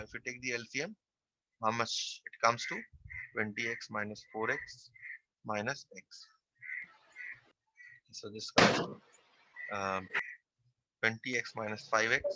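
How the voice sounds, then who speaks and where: A man's voice: medium pitch, bright, forceful tone, no echo, low-quality recording. A man teaching a math class online, working through a percentages problem step by step and repeating the key phrases.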